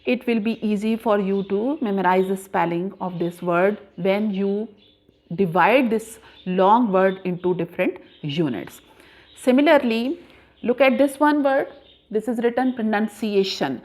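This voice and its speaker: A woman teaching a grammar lesson patiently, spelling words out letter by letter with frequent pauses. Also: medium pitch, darkish tone. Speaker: English teacher.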